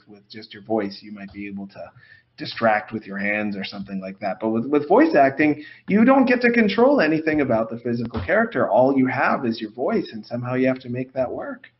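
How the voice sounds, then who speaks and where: A man hosting a podcast, talking casually and at length with folksy exclamations and self-deprecating asides. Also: mid-range voice. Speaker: podcast host. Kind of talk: casual interview chat. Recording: slightly dull podcast audio.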